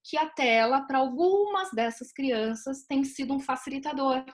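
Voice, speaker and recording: A Brazilian woman speaks on a video call, her voice set a little high. She talks in a halting, careful way, full of fillers and tag questions, as a clinician describing her cases. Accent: Brazilian Portuguese. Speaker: clinician from a therapy team. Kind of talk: online meeting talk.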